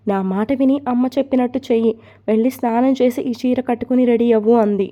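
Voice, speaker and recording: A woman's voice: a little high, fairly even intonation, a little fast, dark tone, highs cut off, close to an everyday voice. Woman doing a caring younger sister. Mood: reassuring. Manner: reassuring, persuasive.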